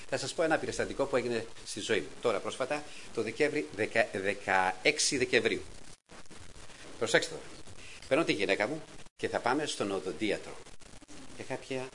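Animated middle-aged male preacher telling a story. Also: mid-range voice, slight background noise, poor audio. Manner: animated storytelling, acts out quotes in a raised voice. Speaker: preacher giving a testimony. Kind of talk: testimony sermon to a congregation.

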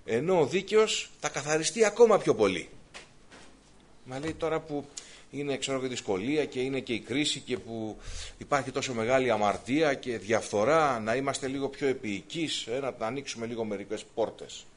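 A man preaching a sermon, swinging from loud exhortation to quiet asides, with repeated rhetorical questions. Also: mid-range voice.

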